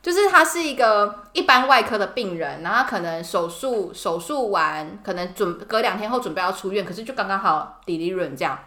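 A woman's voice: medium pitch, animated, brisk, few pauses, bright, forceful tone, reverberant. A woman nurse hosting a casual chat, telling work stories with lots of laughter and acted-out voices. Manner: giggly, acts out patients' voices. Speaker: podcast host, nurse.

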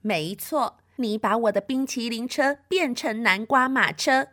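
A woman's voice: a little high, a little slow, a bit bright, no echo, studio quality. Woman playing a fussy, squeamish princess. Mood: complaining.

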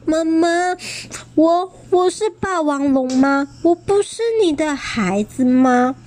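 A woman putting on a little dinosaur boy for a storybook, his voice pitched very high and childlike, trembling and stammering as tears come. He speaks slowly, each word drawn out. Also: darkish tone. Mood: soft. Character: young dinosaur boy, frightened and tearful.

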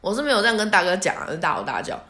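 A woman's voice: medium pitch, sing-song, racing, bright, forceful tone. A young woman, hosting a podcast and telling a story in a chatty, self-mocking way. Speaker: podcast host. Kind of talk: casual storytelling monologue. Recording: echoey room.

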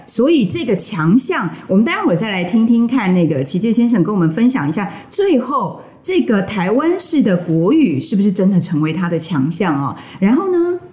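A woman's voice: mid-range voice, big pitch swings, brisk, few pauses, darkish tone. A woman hosting a casual podcast interview in an encouraging, attentive way. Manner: encouraging, frequent listening murmurs. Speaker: podcast host. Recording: roomy, echoey sound.

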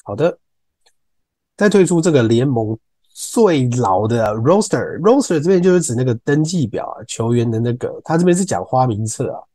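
A man with a Taiwanese Mandarin accent explains English phrases in Mandarin, repeating words to drill pronunciation. His voice is warm and mellow. The recording is dry and close, with no room echo. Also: mid-range voice, lively intonation, normal speed. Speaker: English teacher podcast host. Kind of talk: casual teaching talk.

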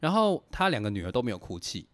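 A young man telling personal stories on a casual podcast, animated and laughing as he talks. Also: mid-range voice, fast. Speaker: podcast host. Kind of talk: casual storytelling chat.

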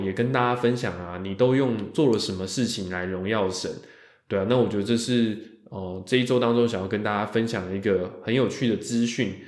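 A man's voice: on the low side, darkish tone. A man hosting a podcast alone, talking casually and chattily, often stretching out the sounds that end his phrases. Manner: chatty, with drawn-out particles ending phrases. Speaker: podcast host. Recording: roomy echo.

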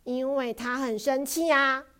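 A woman voicing a stubborn, sulky little girl who protests loudly in a high voice. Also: steady tone, unhurried. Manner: loud, protesting, high-pitched.

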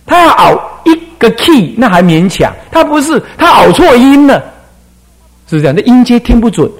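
An older man from Taiwan, an abbot giving a Buddhist dharma lecture to monastics, breaking into sung and chanted examples as he explains. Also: high voice. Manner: demonstrates singing and chanting, animated and playful.

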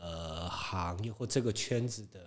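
A man's voice: low voice, unhurried. A man with a Taiwanese Mandarin accent, speaking frankly as a podcast guest, laughing often. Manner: animated, frank, laughs often, mimics critics. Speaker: podcast guest, fitness competitor. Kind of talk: casual podcast chat.

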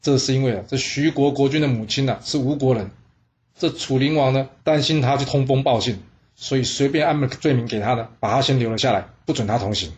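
A man narrates history with lively energy, posing questions to listeners and slipping into scenes. His voice sits at a middle pitch, and the recording has a slightly dull, lo-fi tone. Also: quick pace. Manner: lively, rhetorical, acts out scenes. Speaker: podcast host, storyteller. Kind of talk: animated history storytelling.

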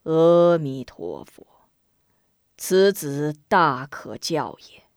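A woman voicing an elderly, wise and genial male Shaolin abbot in a told martial-arts story, speaking slowly in a lowered voice. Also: sing-song, no echo, clean studio sound, exaggerated voice. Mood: solemn, kindly.

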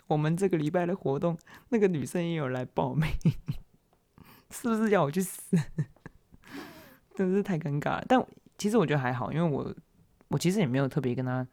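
A young man, hosting a podcast and retelling awkward moments in a casual, animated, self-mocking way. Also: on the high side. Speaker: podcast host. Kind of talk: casual solo storytelling.

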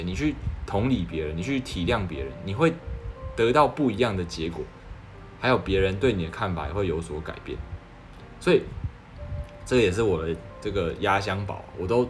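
A young man talks casually as a doctor passing on advice. His voice sits fairly low. He keeps asking rhetorical questions and often restarts his sentences, while faint music plays underneath. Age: 20s. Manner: earnest and persuasive, asks rhetorical questions, frequent restarts.

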